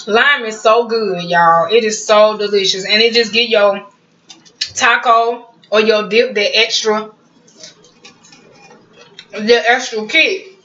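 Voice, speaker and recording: In her home kitchen, a woman cooking vlogger eats while chatting with viewers she calls y'all, humming as she savors each bite. Her voice is mid-range and sharp-toned, slow-paced with frequent pauses. The recording is roomy, distant and muffled.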